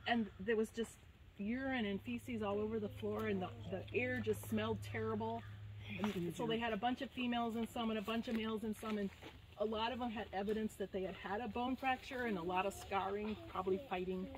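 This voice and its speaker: A woman with a fairly high voice speaks as a wildlife tour guide, explaining things informally to a group. She is outdoors among animal enclosures, and heavy background noise runs through the recording. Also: steady tone, fairly quick. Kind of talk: informal educational tour talk.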